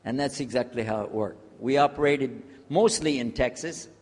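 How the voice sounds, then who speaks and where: A man's voice: mid-range voice, normal speed, a little mellow. A man giving a casual, joking lecture to a live audience, checking in with them as he talks. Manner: jokey, chatty, checks in with the audience. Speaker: speaker on Islamic outreach. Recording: long hall reverb.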